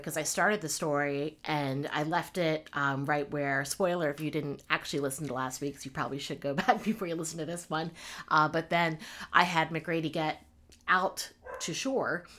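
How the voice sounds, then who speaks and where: A woman co-hosts a podcast in easy conversation. Her voice sits very low for a woman, and she talks in a friendly way with quick laughs. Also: steady tone, a bit bright. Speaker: podcast co-host and writer. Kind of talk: casual chat about a fiction podcast.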